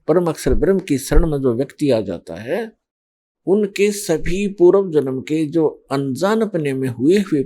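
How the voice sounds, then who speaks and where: A man giving a slow, measured religious sermon, quoting scripture and explaining each point. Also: a little high, dark tone. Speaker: spiritual preacher.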